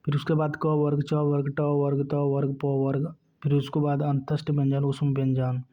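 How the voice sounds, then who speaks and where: A man's voice: fairly high pitch, completely flat delivery, normal speed. A male teacher giving a classroom lecture, asking questions and answering them himself, checking in with his listeners again and again. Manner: keeps asking and answering his own questions, repeating "ठीक ना". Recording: dull lo-fi sound.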